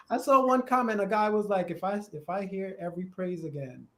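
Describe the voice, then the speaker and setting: A man with a Jamaican accent hosting a live church discussion, chatty and animated, laughing at times as he explains. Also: high voice, a little fast, a little hiss or hum. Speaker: host. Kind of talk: casual discussion on church worship. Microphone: live stream.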